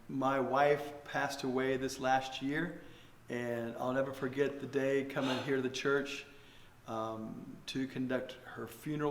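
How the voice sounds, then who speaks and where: An older man, a pastor hosting a church conversation, speaking softly and gently with frequent pauses and fillers, recorded in a church. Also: medium pitch. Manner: soft-spoken, gentle, halting with fillers. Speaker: pastor and host. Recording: echoey room with faint noise.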